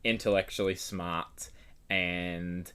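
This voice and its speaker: A young man with an Australian accent chats on a casual podcast with his co-host. His voice sits a little low, and his delivery is playful and jokey, full of self-mocking banter. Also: flat delivery, slow pace, a bit bright, smooth.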